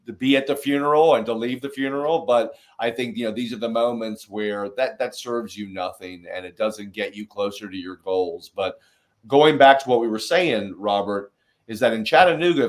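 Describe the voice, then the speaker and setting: A man hosting a casual interview, talking with energy and rambling through many fillers and restarts. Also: on the low side. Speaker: podcast host.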